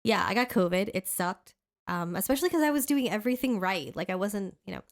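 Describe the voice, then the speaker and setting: A woman co-hosting a podcast chats casually in a mid-range voice, animated and a little fast. She sounds congested and rambles, full of fillers and restarts.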